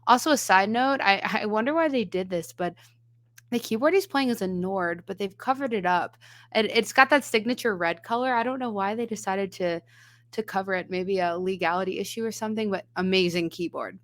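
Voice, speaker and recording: A woman's voice: mid-range voice, fairly quick. A woman voice teacher giving analytical reaction commentary, explaining singing technique step by step.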